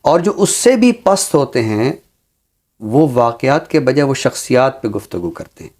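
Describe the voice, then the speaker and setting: This commentator on a talk show explains where he stands in an earnest, unhurried, deliberate way, choosing literary words. His mid-range voice has a darkish tone and moves through big pitch swings.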